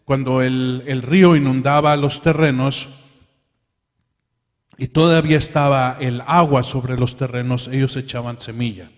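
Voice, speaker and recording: A man's voice: mid-range voice, steady tone, measured pace. A man preaching a sermon in church, calling his listeners brothers and leading them in prayer. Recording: reverberant hall.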